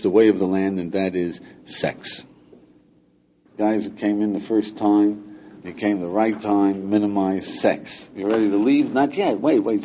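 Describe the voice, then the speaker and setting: An older man teaching as a rabbi, his lowish, dark voice talking to a room of students in a casual, teasing way. He keeps asking them questions as he goes. The recording is dull and lo-fi with a faint hiss under it. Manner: conversational, teasing, asks listeners questions often. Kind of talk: informal lecture to students.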